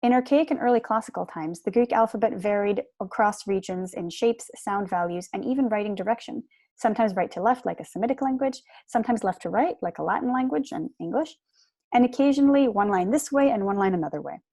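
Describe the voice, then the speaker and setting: A young woman, a PhD student, delivers a prepared seminar lecture from a small room at home, recorded dry on a computer mic. Her medium-pitched voice is warm and a little fast, and she explains things articulately.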